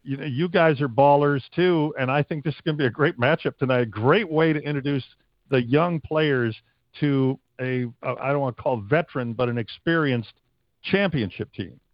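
An American stadium announcer answers interview questions in a casual, wordy way, stopping and starting as he goes. His voice sits at a medium pitch and moves at a moderate pace, and the recording is muffled with no echo.

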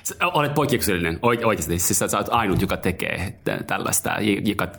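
Male host stumbling over words, lively up and down, gravelly. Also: low voice, soft background music. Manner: hesitant, repeats words often. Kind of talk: casual chat.

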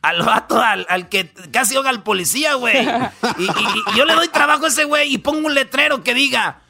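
A man's voice: very high-pitched, a little fast, gravelly, pushed and bright, faint music behind. A man with a Mexican Spanish accent hosting a radio comedy show, rambling through the news in slangy, jokey storytelling. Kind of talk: comic news rundown.

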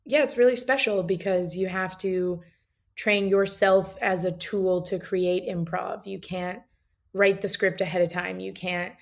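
A woman talking casually as an interview guest, a comedian who is earnest and expressive with a joking streak. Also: medium pitch, measured pace, creaky. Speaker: improv and stand-up comedian, guest.

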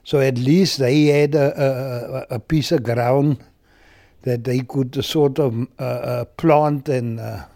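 A South African man in his sixties remembers his past slowly and haltingly, full of fillers but heartfelt. His voice is warm and relaxed, recorded dry and close. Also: mid-range voice, creaky, no echo. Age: 60s. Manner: slow, hesitant, many fillers, heartfelt. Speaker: interviewee. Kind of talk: personal recollection.

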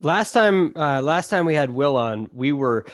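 A man who analyzes golf courses, chatting on a podcast in an easygoing way with halting starts. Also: fairly high pitch, animated, dry recording, studio quality. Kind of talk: casual chat.

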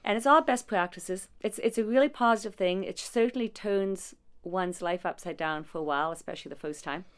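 A woman's voice: mid-range voice, fairly quick, hardly any pauses, clean tone. A woman who leads a non-profit support agency, answering interview questions in a conversational way, telling stories with restarts and small laughs. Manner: warm storytelling with frequent restarts and small laughs.

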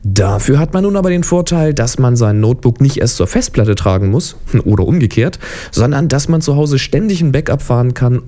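A man's voice: medium pitch, mellow. A man hosting a podcast, giving casual tech commentary with chatty, wry asides. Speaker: podcast host.

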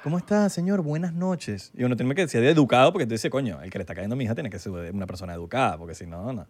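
A man's voice: on the low side, animated, very fast, slightly rough. A young man with a Venezuelan Spanish accent, co-hosting a casual podcast chat and acting out quoted dialogue in a slangy, laid-back way. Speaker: podcast co-host.

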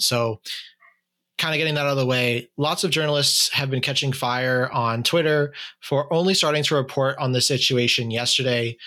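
Man, host, bright tense voice, casual online chat, video call, lots of restarts. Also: mid-range voice. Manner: conversational, many fillers and restarts. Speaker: podcast host asking questions.

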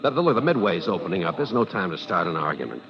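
A shifty, stammering carnival hand. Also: male voice, low voice, sing-song, fast talker, a little hiss or hum. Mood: evasive. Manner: stammering, evasive. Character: shifty male carnival hand, nervous and evasive. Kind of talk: 1940s radio acting. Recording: dull lo-fi old radio recording.

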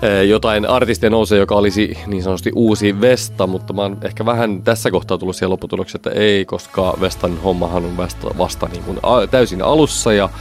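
A man with a very deep voice talks casually on a podcast, working through his thoughts as he goes. He often restarts his sentences while looking for the right words. Faint music sits in the background. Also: steady tone, few pauses. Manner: thinks aloud with restarts and fillers. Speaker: podcast co-host.

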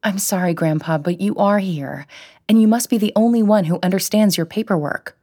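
A woman voicing an anxious, earnest young granddaughter who pleads in a raised, quick voice. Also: dark tone, no room sound, studio quality, close to an everyday voice. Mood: pleading, anxious. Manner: pleading, higher and quicker than the narration.

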